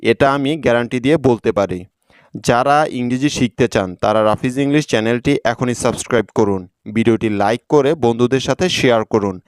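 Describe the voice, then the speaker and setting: Male tutor, patient and methodical, smooth resonant tone, dry close-miked sound. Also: mid-range voice, fast talker, no echo. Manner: patient, spells words out letter by letter. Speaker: English teacher. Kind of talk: scripted lesson narration.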